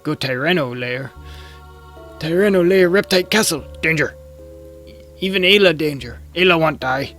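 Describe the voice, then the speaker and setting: A man's voice: on the high side, moderate pace, pauses often, a bit bright, faint music behind, pitched above the performer's own voice, natural voice. A man voicing blunt prehistoric cave-dwellers from a video game in a dopey, bellowing voice and broken speech. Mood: urgent, forceful. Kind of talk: reading game dialogue aloud in character.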